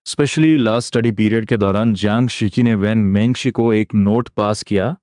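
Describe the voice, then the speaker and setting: A man's voice: lowish voice, a little mellow, dry recording, clean studio sound. Man narrating a manhwa recap. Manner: casual storytelling that voices each character's lines in turn. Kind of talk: first-person story recap narration.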